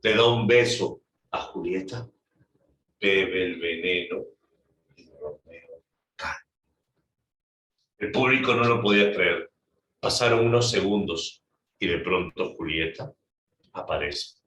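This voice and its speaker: A man teaching literature, retelling a play with animated, drawn-out pauses. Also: low-pitched. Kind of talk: dramatic storytelling lesson. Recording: roomy, distant mic.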